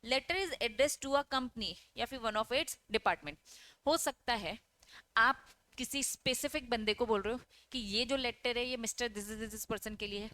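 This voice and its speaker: A woman's voice: on the high side, unhurried, bright, forceful tone. A woman teaching an exam-prep lecture. She reads English lines from the text, explains them, and keeps asking her students questions and answering them herself. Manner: checks in often with "okay?". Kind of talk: online lecture.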